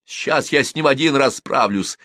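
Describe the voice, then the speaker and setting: A man voicing a hot-tempered young tank driver who shouts brashly and recklessly in an audiobook reading. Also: medium pitch, moderate pace, dry recording, clean studio sound, voice pushed up. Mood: brash shouting.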